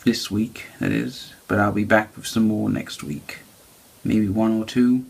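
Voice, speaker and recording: Give me a low, creaky-voiced man doing card magician patter. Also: little pitch movement, unhurried, a little mellow. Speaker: amateur card magician presenting his own tricks. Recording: faint background noise.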